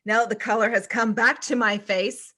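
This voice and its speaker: A woman's voice: fairly high pitch, fairly even intonation, normal speed, bright, forceful tone. A woman co-hosting a podcast, chatting casually and laughing as she talks. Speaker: podcast co-host. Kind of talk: casual chat.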